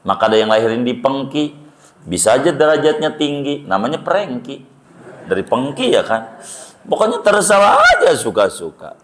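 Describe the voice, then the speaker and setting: Animated, lively-pitched Indonesian preacher man. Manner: animated, rhetorical questions to the audience, jokes. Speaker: Islamic preacher. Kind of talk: sermon to a live congregation.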